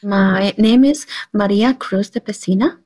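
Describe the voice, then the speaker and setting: A woman's voice: medium pitch, measured pace, darkish tone. Woman with a Mexican Spanish accent. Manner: careful, non-native phrasing. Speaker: adult English learner.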